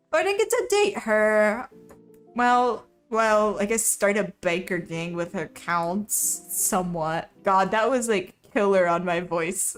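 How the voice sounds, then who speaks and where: A young woman streaming a visual novel, playfully reading its narration and lines aloud. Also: medium pitch. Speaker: game streamer.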